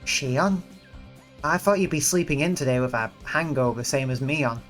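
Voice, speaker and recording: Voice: mid-range voice, moderate pace, a bit bright, close to an everyday voice. A reader playing an ordinary teenage schoolboy from a visual novel, in a plain, slightly reluctant everyday voice. Faint music runs underneath. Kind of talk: reading a visual novel aloud.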